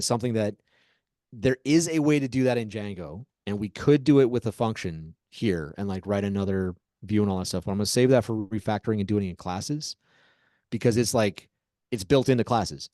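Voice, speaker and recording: A man teaching a live coding lesson as an instructor, dictating code word by word with deliberate pauses. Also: fairly low pitch, warm tone, dry recording, clean studio sound. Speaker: programming instructor.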